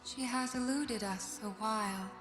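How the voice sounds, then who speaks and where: A woman voicing a serene, solemn spirit lamb of death, speaking in calm, measured, poetic lines for a video game. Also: on the high side, lightly acted. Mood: solemn, cool. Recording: echoing game voice over loud music.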